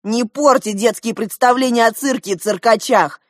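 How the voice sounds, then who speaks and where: A woman voices a stern, proud young prince who speaks indignantly and commandingly. Her delivery is slightly high and at a normal speed, pitched above her own voice but close to an everyday sound, in a dry, clean studio recording.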